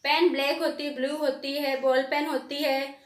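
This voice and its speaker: A woman teaching young pupils a grammar lesson, dictating definitions slowly and asking questions she answers herself. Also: high-pitched, little pitch movement, roomy sound.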